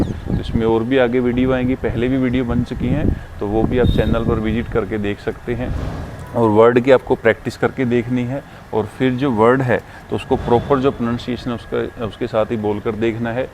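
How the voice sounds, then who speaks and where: A man teaching English pronunciation in an online lesson, repeating each word several times, louder and higher than his explaining voice. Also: slight background noise.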